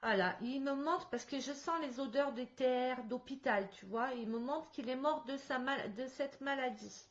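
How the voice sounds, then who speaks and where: Over a slightly dull, muffled video call, a woman with a fairly high voice acts as the medium in a spirit contact session. She describes what she senses in lively, stop-start phrases with halting restarts, often breaking into quick laughs.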